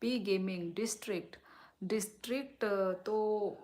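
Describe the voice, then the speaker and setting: A young woman from Tripura chatting casually on a phone live stream at home at night, reading viewers' comments and talking softly so she won't disturb the neighbours. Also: unhurried. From Tripura, India. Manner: chatty, sways while talking, lowers voice to keep it down. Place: small room at home at night. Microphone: phone held or propped close.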